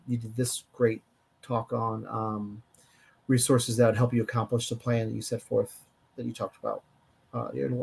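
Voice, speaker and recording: A man co-hosting a live-streamed data podcast, tired and yawning, talking in a rambling way with many fillers and restarts. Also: mid-range voice. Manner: rambling, self-correcting, lots of fillers. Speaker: podcast co-host, data engineer. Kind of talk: casual live-stream chat.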